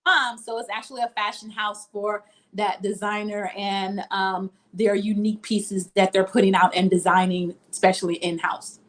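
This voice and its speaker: A woman's voice: medium pitch, steady tone, normal speed. A woman from Mississippi, a boutique owner, talking casually in an interview over a video call with frequent ums.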